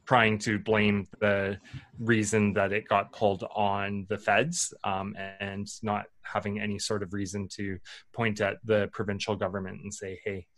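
Male podcast co-host, lowish pitch, quick casual political chat, loose and rambling. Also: little pitch movement, a bit bright. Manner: talks fast in long running thoughts with frequent restarts.

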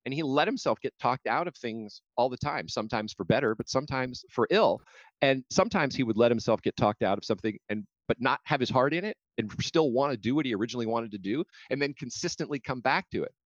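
Speaking in an animated, mid-range voice, this American debate guest pushes his arguments and stumbles into fresh starts whenever he counters a point. The audio is dry, a little dull, and low-fidelity.

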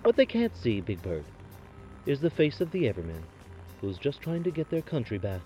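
A man doing a deadpan comedy bit as a trucker talking over a CB radio, full of radio lingo. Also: medium pitch, fairly quick, soft background music, rough recording.

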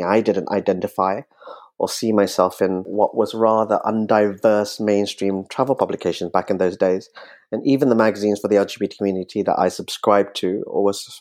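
A man talking casually as a podcast guest, chatty and quick to laugh. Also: on the low side, a little mellow. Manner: chatty, laughs easily, jokes about his sultry podcast voice. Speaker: podcast guest, magazine co-founder. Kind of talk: casual interview talk.

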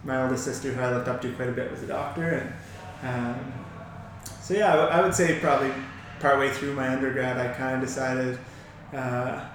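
A man in his thirties giving a casual interview in a halting, conversational way. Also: medium pitch. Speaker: guest, physiotherapist. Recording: echoey, distant mic, noisy room.

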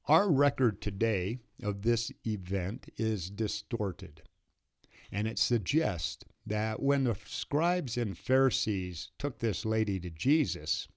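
A man narrates a religious story in a slow, steady reading voice. His voice sits a little low, and he takes his time over every phrase. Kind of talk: scripted scripture narration.

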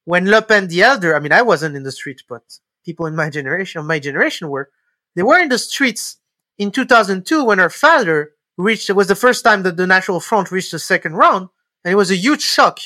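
A man, a guest giving casual analysis and often pausing on fillers and restarting his sentences. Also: sits high, expressive, bright, forceful tone, no room sound. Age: 30s. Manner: hesitant, many fillers and restarts. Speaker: guest commentator.

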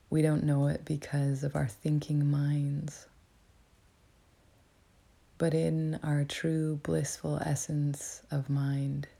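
A woman with a cold and a nasal voice, softly half-whispering as she guides a meditation in a small cabin. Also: deep voice, creaky, husky. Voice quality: soft, half-whispered delivery. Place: writer's cabin with a crackling fire.

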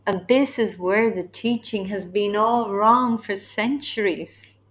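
Slow, earnest woman teaching faith. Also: medium pitch, steady tone, low-quality recording. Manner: earnest and emphatic, acting out quoted voices. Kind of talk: spoken teaching podcast.

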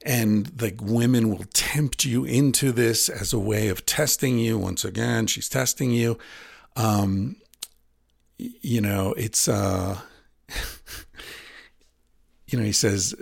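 Man, husky voice, slow deliberate pace, frank casual talk. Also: on the low side, no echo, studio quality. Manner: frank, earnest, profane at times. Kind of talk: casual critique of a book.

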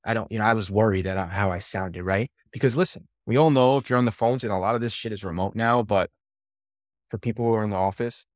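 A man, a podcast guest and sales coach, telling stories from his career in a lively, casual way and swearing now and then. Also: fairly low pitch, fast, no echo, clean studio sound. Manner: animated storyteller, swears casually. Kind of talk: casual interview storytelling.

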